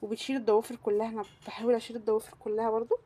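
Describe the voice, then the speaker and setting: A young Egyptian woman rattles through a casual beauty product review at a very fast clip. Her voice is high and breathy, and she gushes, piling up repeated words for emphasis. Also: little pitch movement, warm tone. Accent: Egyptian Arabic. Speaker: beauty vlogger.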